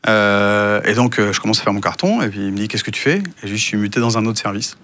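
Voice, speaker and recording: A man's voice: fairly low pitch, quick pace, fairly bright tone. A man from France recounting his past work in a casual interview, with many hesitations, and acting out the dialogue he quotes. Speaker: guest, former intelligence officer.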